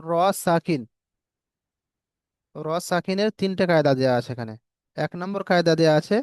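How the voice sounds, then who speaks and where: Slow, patient man spelling out syllables. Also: sits high, clean tone, no room sound, studio quality. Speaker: Quran recitation teacher. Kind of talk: online tajweed lesson.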